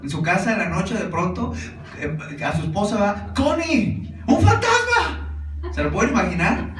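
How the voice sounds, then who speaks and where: A high-voiced man preaches to his congregation. He talks in a relaxed, conversational way, asking questions and repeating "brothers." The sound is roomy and distant, with music in the background. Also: moderate pace. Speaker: pastor. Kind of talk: sermon. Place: church hall. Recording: roomy echo, distant mic, music behind.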